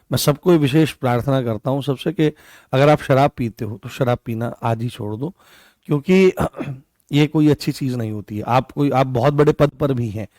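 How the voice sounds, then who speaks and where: A man's voice: medium pitch, a little mellow, dry recording. A man teaching an online exam-prep class, coughing, often turning key points into questions for his students. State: coughing, hoarse. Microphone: own mic.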